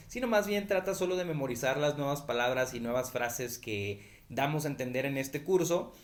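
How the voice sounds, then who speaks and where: A man who speaks Spanish as his first language, teaching an English pronunciation lesson and slowly repeating the example words. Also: medium pitch, roomy sound.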